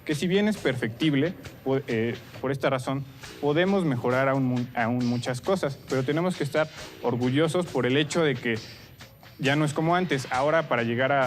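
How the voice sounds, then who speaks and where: A man in his twenties with a Mexican Spanish accent arguing a debate position earnestly, with frequent restarts and hesitations. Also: medium pitch. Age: 20s. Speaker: university debate student. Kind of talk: debate argument.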